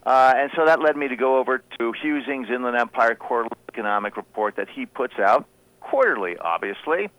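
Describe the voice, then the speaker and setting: A man's voice: mid-range voice, lively intonation, brisk, dry recording, muffled recording. A man, a guest banker chatting casually about the regional economy on morning radio, joking and stumbling over numbers.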